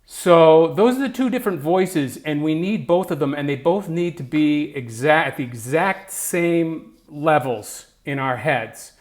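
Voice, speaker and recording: A man's voice: fairly high pitch, measured pace, hardly any pauses. A man who writes gives advice in a casual, rambling monologue full of "like" and "you know". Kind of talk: casual talking-head monologue.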